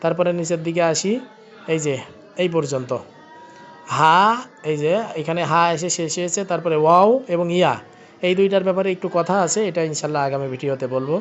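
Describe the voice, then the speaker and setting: A man teaching Urdu letters in a recorded lesson, reciting the sounds slowly one by one. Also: a little high, dull audio. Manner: slow drilling recitation, pointing to a book page.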